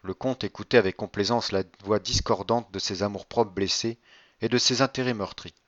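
A man narrating a classic novel aloud in a steady, literary reading. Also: lowish voice, normal speed, dry recording, dull audio. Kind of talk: audiobook narration.

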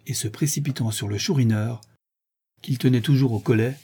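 A man giving a measured, dramatic scripted narration of a classic novel as an audiobook reader. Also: medium pitch, steady tone, dark tone, slightly rough.

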